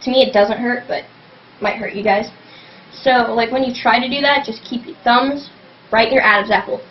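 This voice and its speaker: Rambling girl with a slightly high voice. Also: fairly even intonation, normal speed. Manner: rambling, fills every phrase with "like". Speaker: vlogger teaching scream technique. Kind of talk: casual home tutorial. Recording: dull lo-fi webcam audio, faint hum.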